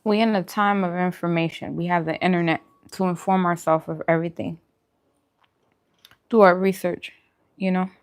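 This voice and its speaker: A vegan food vlogger hosts a casual mukbang, chatting to the camera in a reflective, encouraging, conversational way. Her voice is on the low side and clean, with a steady tone, normal speed, and frequent pauses.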